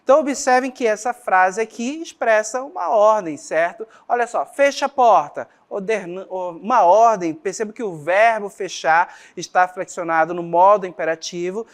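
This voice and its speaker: A woman's voice: mid-range voice, normal speed, hardly any pauses. A woman teacher with a Brazilian Portuguese accent giving a grammar lesson, explaining patiently and checking in with the class often.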